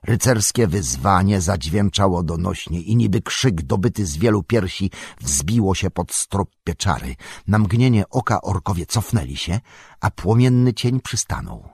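A man with a very deep, husky voice narrating a fantasy audiobook. His delivery is measured and dramatic, building tension line by line. The recording is dry and close-miked. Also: animated, darkish tone, no room sound. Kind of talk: audiobook reading.

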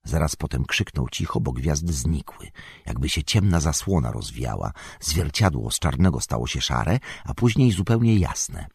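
A man narrating an audiobook in an expressive, measured storytelling manner. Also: extremely low pitch, breathy edge, no echo, studio quality. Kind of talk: scripted narration.

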